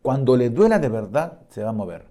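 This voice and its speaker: A man voicing a calm, wise old man in a told story, speaking in a matter-of-fact way. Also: medium pitch, fairly quick, close to an everyday voice.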